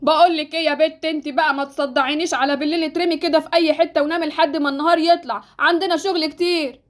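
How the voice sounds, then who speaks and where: A woman voicing a stingy, sharp-tongued poor mother with an Egyptian accent, scolding fast in a Roblox story. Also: sits high, steady tone, natural voice. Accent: Egyptian Arabic. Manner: scolding, penny-pinching.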